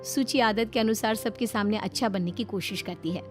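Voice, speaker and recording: A woman narrating a family drama story in a low, steady storytelling voice. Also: fairly quick, soft background music.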